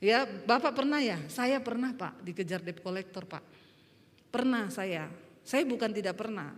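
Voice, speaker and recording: A middle-aged woman pastor from Indonesia preaching a sermon, telling an emotional testimony with her voice climbing high and loud. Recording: long hall reverb.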